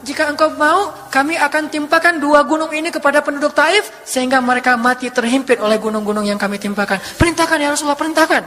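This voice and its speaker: A man's voice: very high voice, fast, hardly any pauses, sharp tone, a little hiss or hum, voice pushed up. A man voicing an eager male mountain angel who urgently begs for orders. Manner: urgent, pleading. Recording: long hall reverb, faint music.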